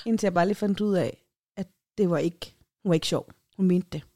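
A woman's voice: fairly low pitch, dark tone, dry recording, clean studio sound. A woman from Denmark, a podcast co-host, telling a story in casual chat and acting out the quotes of the people in it with changed voices.

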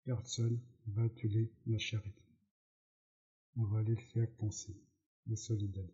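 Ranch hand, male, adult, firm and in charge, read by a man narrator, low mellow voice, lo-fi. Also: level tone, measured pace, close to an everyday voice. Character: steady, authoritative ranch hand taking charge. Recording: dull lo-fi recording.

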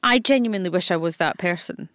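A woman's voice: lowish voice, fast talker, a bit bright, no room sound, studio quality. A woman comedian, telling self-deprecating stories in a casual podcast chat. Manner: chatty, self-deprecating, storytelling.

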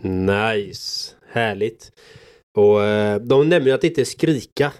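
A man co-hosting a podcast, explaining his views in a calm, measured way. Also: on the low side, clear, resonant tone. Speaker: podcast co-host. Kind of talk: casual podcast conversation.

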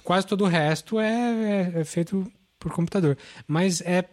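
A man's voice: sits high, moderate pace, darkish tone. Guy hosting a film podcast, gets really into it, rambly with lots of "assim". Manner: enthusiastic, rambling, many fillers. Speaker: podcast host. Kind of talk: casual film chat.

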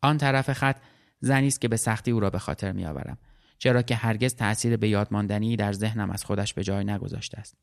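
A man reading a literary short story aloud as narrator, in a calm, measured, reflective way. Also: on the low side, gravelly.

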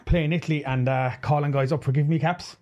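A man's voice: fairly high pitch, fairly even intonation, fast, a little mellow. An Irish man giving opinionated, emphatic views as a guest pundit in a studio sports chat.

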